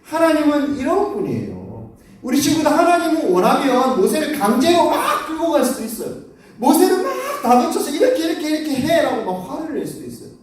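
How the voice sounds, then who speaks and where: A man tells a Bible story to children in a sermon and keeps asking them questions. His voice is high and swings widely in pitch. He sounds distant from the mic in a very echoey church sanctuary. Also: a little fast. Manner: animated, asks the children questions. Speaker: children's pastor. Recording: echoey church hall from far off.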